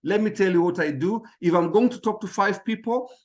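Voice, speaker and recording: Man, high-pitched, public speaking trainer, emphatic motivational talk, repeats himself, stumbles on small words. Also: fairly quick, darkish tone. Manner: emphatic and repetitive, often stammering on words.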